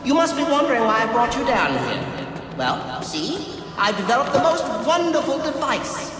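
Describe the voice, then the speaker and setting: A man's voice: very high voice, very animated, moderate pace, noisy background. Echoing, swooping Mad Hatter madman. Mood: gleeful, menacing. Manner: sing-song, giggling, erratic emphasis. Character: mad, theatrical male villain obsessed with Wonderland and mind control. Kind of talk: theatrical video game villain acting. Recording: very echoey hall reverb under loud music.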